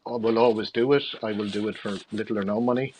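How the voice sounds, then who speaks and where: A man's voice: lowish voice, steady tone, fast, a little mellow, slight background noise, rough recording. A middle-aged man with an Irish accent, answering interview questions in a conversational, rambling way, often repeating words as he explains. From Galway, Ireland. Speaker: interview guest, freelance theatre production manager.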